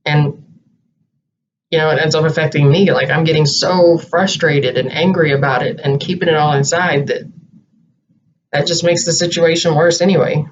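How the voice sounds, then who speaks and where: A man with a slightly high voice chats casually, wandering through his thoughts with plenty of hesitation. He sits a little back from the mic. The recording sounds dull, with a faint hiss underneath. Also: steady tone, normal speed. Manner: rambling, hesitant, thinking aloud. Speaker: co-host. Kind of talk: casual chat. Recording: distant muffled home recording with light hiss.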